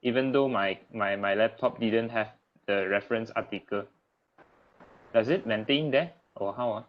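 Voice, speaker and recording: A man's voice: fairly low pitch, moderate pace. A young man with a Malaysian accent leading a casual group discussion, tentative, tagging phrases with lah and ah. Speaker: student discussion leader. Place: online group call. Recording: dull lo-fi online call audio.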